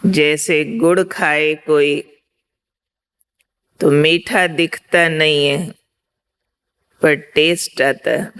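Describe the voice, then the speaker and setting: A woman spiritual teacher giving a class, explaining deliberately and telling a parable, checking in with her listeners. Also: deep voice, steady tone, fairly bright tone, clear, resonant tone. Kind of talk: spiritual discourse with storytelling.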